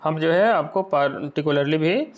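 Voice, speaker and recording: A man teaching an exam-prep lesson, explaining step by step and often asking whether the point is clear. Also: fairly high pitch. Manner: explains slowly, checks understanding with rhetorical questions.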